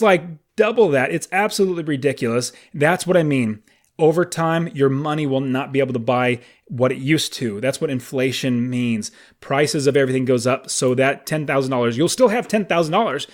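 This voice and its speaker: A man in his late thirties hosting a solo podcast, talking in an enthusiastic, conversational way with emphatic asides. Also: fairly high pitch. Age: 30s. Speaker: podcast host.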